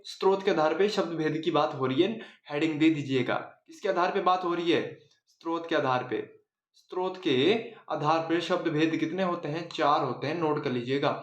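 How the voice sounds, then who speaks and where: A man's voice: high-pitched, reverberant. A man teaching a casual Hindi grammar lesson, chatty, repeating words for emphasis and asking and answering his own questions.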